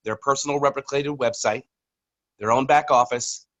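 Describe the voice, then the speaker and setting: A man's voice: medium pitch, steady tone, normal speed, fairly bright tone, low-quality recording. Rambling man on a video call. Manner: casual, rambling with many fillers and restarts. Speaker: company communications executive. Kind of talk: business update on a video call.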